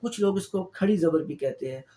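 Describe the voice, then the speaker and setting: A man teaching Quran reading in an online lesson. He explains step by step and repeats syllables slowly and patiently. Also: sits high, lively intonation, warm tone, reverberant. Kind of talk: online lesson, slow drilled letter sounds.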